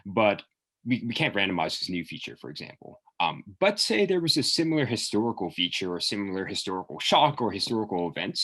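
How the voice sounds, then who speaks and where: A man with a deep, husky voice gives explanatory answers as a job interview candidate. His pitch moves around a lot, and he feels his way through the explanation, thinking aloud and hedging as he goes. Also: big pitch swings, brisk, a bit bright.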